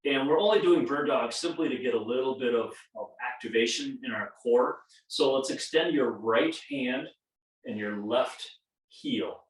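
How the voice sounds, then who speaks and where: A man's voice: medium pitch, normal speed, distant mic. A man in his fifties guiding a yoga class, self-deprecating and stretching out his cues. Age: 50s. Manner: self-deprecating, chuckles at own jokes. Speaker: yoga instructor. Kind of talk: guided yoga class instruction. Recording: roomy echo, voice from off-mic.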